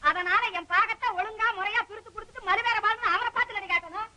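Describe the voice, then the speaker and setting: An actress playing a sharp-tongued scheming aunt in an old film, taunting and scolding. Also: female voice, extremely high pitch, fast, a little hiss or hum, heavily acted. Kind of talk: 1960s film acting.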